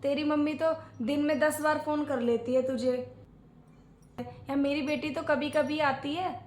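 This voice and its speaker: Woman doing a bossy middle-aged mother-in-law, brisk commanding talk, high voice, echoey room. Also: fairly even intonation, darkish tone, a little hiss or hum. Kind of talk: family skit acting.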